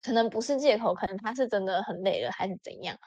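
A woman telling a story in a casual chat with lots of expression, jumping up in pitch when she voices her friends. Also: quick pace. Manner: animated, acts out friends' lines with sudden pitch jumps. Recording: dull lo-fi audio.

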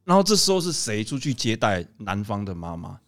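Animated, laughing man telling stories. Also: lowish voice, a little fast. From Taiwan. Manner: animated, laughs often, lively storyteller. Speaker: podcast co-host, wedding photographer. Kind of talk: casual storytelling chat.

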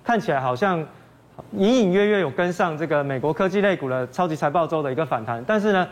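High-pitched, fast-talking Taiwanese male market analyst. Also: animated. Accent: Taiwanese Mandarin. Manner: explains step by step, posing and answering questions. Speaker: financial analyst guest. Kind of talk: explanatory market commentary.

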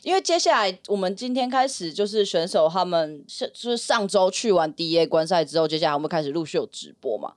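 Woman podcast co-host; animated storyteller, swoopy pitch, quick delivery, dry close sound. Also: no room sound. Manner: animated storytelling, acting out quotes. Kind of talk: casual podcast chat.

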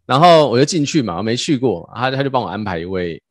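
Casual podcast host, man, lively storyteller, dry close sound. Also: mid-range voice, fast talker, no room sound. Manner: animated, laughing, acts out quotes.

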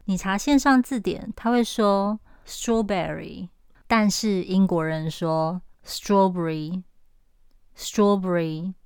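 Smooth-voiced Taiwanese woman teaching English. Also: medium pitch, no echo, clean studio sound. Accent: Taiwanese Mandarin. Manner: lively, coaxing, models words slowly and clearly. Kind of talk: podcast language lesson.

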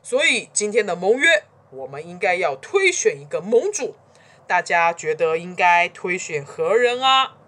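A stubborn, self-important ancient duke who declaims every line loudly and grandly, as a woman storyteller puts him on. His pitch swings widely as he lectures, in a storybook told to children. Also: big pitch swings, measured pace, husky, heavily acted. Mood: proud. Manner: lofty, declaiming, loud.

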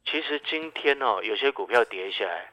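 A man with a Taiwanese Mandarin accent giving radio stock market commentary, animated and full of rhetorical questions to the listener. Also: mid-range voice, moderate pace, poor audio.

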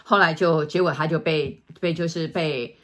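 A middle-aged woman, telling a story in casual chat and acting out quoted lines in a hushed voice. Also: low-pitched, fairly even intonation, normal speed. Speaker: feng shui consultant telling stories.

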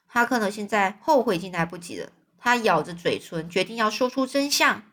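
A woman narrating a children's story in a lively, animated way. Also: mid-range voice, fairly quick. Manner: lively, with frequent fillers and restarts.

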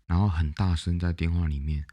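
A man speaks in a low voice with a Taiwanese Mandarin accent. He hosts a casual monologue podcast and talks bluntly. He tells stories with a lot of animation and acts out the people in them. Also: fairly even intonation, fairly quick, warm tone, lo-fi sound. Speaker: podcast host.

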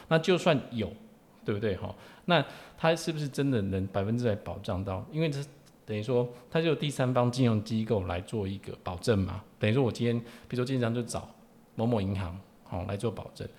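A man's voice: lowish voice, a little mellow. A man with a Taiwanese Mandarin accent explaining informally as an expert guest, punctuating phrases with particles and tag questions. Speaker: lawyer, podcast guest.

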